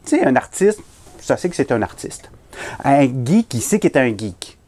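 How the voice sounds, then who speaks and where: A man's voice: medium pitch, very animated, normal speed, a little mellow, a little hiss or hum. A man with a Québécois French accent performing a comic story, self-mocking and punchline-driven.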